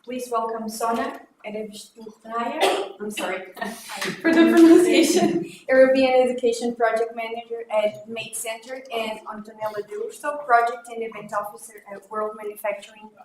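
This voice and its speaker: A woman's voice: fairly high pitch, steady tone, moderate pace, few pauses, a crowd in the background. Woman moderating in an echoey hall. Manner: slightly hesitant, apologetic. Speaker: event moderator. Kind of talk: introducing speakers. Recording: echoey hall with faint noise.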